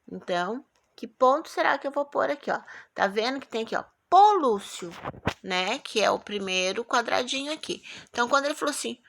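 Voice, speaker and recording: A woman's voice: on the high side, lively intonation, fairly quick, gravelly, few pauses, fairly bright tone. A woman with a Brazilian Portuguese accent teaching a primary school class in a recorded remote lesson, patient and coaxing, checking in often with her pupils.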